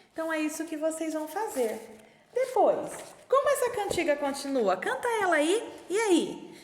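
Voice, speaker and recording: A Brazilian woman teaching young children in a recorded lesson, talking in a slow, sing-song way and drawing out each syllable. Her voice sits a little high. The room is echoey, and the reverb hangs on after each word. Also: creaky. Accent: Brazilian Portuguese. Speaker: primary school teacher.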